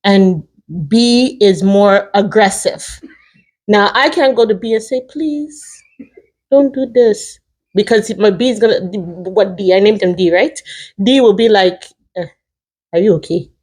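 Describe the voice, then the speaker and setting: A woman's voice: mid-range voice, normal speed. A woman in a casual discussion, telling stories about raising her children and acting out their voices and her own, laughing often. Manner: animated storyteller, acts out her kids and herself in shifting voices, laughs often. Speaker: parent sharing her approach.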